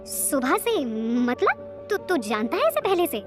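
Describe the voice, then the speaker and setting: A woman's voice: high voice, huge pitch swings, slow pace, music in the background, full character voice. A woman voicing a playful young man who teases his friend. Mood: teasing. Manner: teasing, joking.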